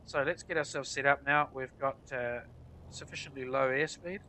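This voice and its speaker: A man's voice: medium pitch, steady tone, normal speed, sharp tone, slight background noise. A man with a nasal, blocked-up voice from a head cold, giving casual explanatory commentary as he plays a flight simulator. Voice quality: nasal, congested. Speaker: flight sim player narrating a tutorial.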